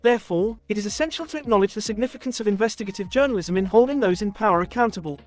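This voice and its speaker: A man's voice: sits high, rapid-fire, soft background music. A synthetic voice playing a formal male reporter in a suit explaining a news story. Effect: synthetic text-to-speech voice.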